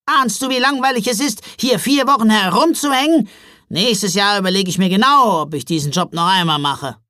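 A man's voice: sits high, normal speed, sharp tone, no echo, clean studio sound, voice pushed up. A man voicing a cheeky, touchy tiny male Christmas elf in a storybook, indignant and complaining.

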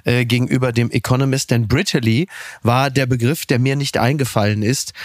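A man's voice: mid-range voice, steady tone, brisk, dry recording. Chatty ironic man, dry close sound. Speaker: podcast host. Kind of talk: casual political chat.

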